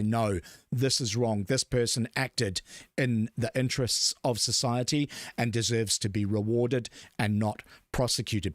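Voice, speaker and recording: A man's voice: mid-range voice, dry recording, clean studio sound. A man with a New Zealand accent co-hosting a podcast, giving blunt, emphatic political commentary and chat. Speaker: podcast co-host.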